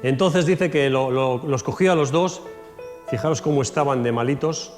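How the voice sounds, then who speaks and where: Lively storytelling pastor in a church hall. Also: male voice, medium pitch, normal speed. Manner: acts out Bible scenes in quoted voices, shouts and laughs. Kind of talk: storytelling sermon. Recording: echoey church hall with faint music.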